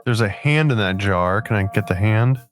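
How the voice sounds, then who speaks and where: A man's voice: on the low side, lively intonation, normal speed. A man co-hosting a let's play, chatting casually as he plays the game. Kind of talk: casual gameplay chat. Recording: game music clearly behind the voice. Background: video game music.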